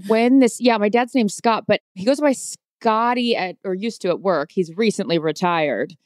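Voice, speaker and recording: A woman's voice: mid-range voice, normal speed, a little mellow, dry recording, clean studio sound. A woman from the Seattle area co-hosting a podcast in a bubbly, playful, jokey chat. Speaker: podcast co-host. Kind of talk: casual chat.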